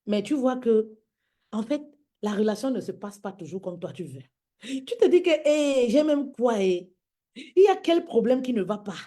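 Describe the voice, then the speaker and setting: A woman's voice: mid-range voice, big pitch swings, moderate pace, mellow. A woman preaching emphatically to women, repeating her points and calling them her queens. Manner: emphatic, repetitive, addressing listeners as "my queen". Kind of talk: preaching to women on social media live.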